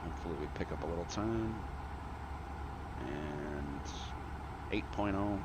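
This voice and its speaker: A man's voice: deep voice, unhurried, very noisy. A man working as an airline pilot, talking casually through cockpit tasks. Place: aircraft cockpit. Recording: clear cockpit and engine drone.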